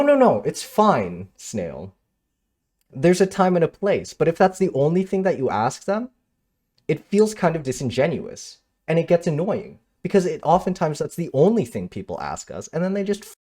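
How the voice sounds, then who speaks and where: A man's voice: a little high, a little mellow. A man streaming live, talking casually and candidly to his chat, swearing now and then and answering comments as he goes. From Michigan, United States. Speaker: livestreamer. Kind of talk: casual livestream talk to chat.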